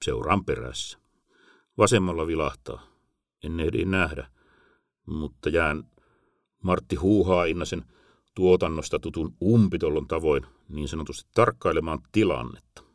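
Middle-aged man, very low voice, wry reflective first-person narration, dry close sound. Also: no room sound. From Finland.

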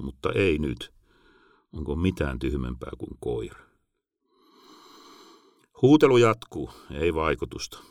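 Middle-aged man, very low voice, wry reflective first-person narration, dry close sound. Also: no echo. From Finland.

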